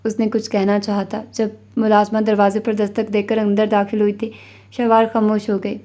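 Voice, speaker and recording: Woman narrating a novel in a flat voice. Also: mid-range voice. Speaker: audiobook narrator.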